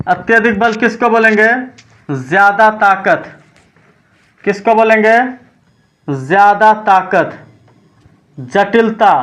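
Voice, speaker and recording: A high-voiced man teaches an exam-prep vocabulary lesson at an unhurried, deliberate pace. He keeps asking his listeners what a word means, then answers himself and says it again. The delivery is patient and repetitive, built for drilling. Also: a bit bright.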